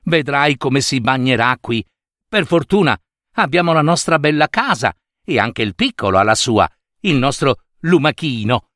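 A man's voice: mid-range voice, normal speed, no room sound, clean studio sound. A man voicing an eager, impulsive older mother snail in a storybook reading. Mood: excited. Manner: excited, wistful.

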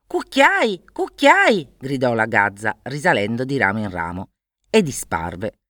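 A woman narrating a fairy tale with an expressive storybook manner. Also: extremely low pitch, moderate pace, dry recording, clean studio sound.

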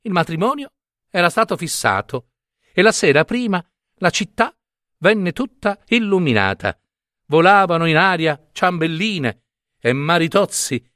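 A man reading a fairy tale aloud in an expressive, playful way. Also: high-pitched, unhurried, no echo, studio quality. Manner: animated, playful. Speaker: storyteller.

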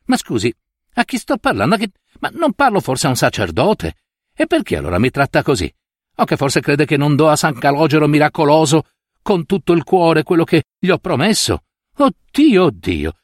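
A man putting on a shrill, pleading old peasant woman. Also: big pitch swings, normal speed, no room sound, studio quality. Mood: distraught. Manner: shrill, pleading, breaking into tears.

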